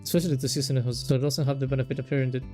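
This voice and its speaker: A man's voice: medium pitch, fairly even intonation, very fast, warm tone, soft background music. A man casually playing and reading a visual novel aloud, chatty, with amused asides and frequent self-corrections. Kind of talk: casual let's-play commentary and reading.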